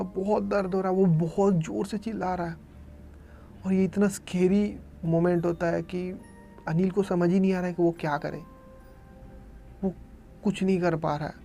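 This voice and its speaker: Gravelly man telling a horror story. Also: a little high, dark tone. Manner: retells events in present tense, dramatizing quoted cries. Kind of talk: casual spoken storytelling.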